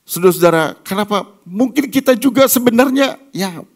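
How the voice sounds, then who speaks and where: A middle-aged man with an Indonesian accent, preaching a sermon to his congregation with animated swings between loud outbursts and hushed passages. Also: high voice, normal speed. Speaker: pastor.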